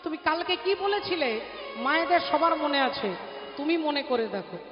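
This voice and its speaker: A woman kirtan singer voicing Lord Krishna as a calm, patient god. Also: sits high, normal speed. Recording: dull, echoey hall with faint music.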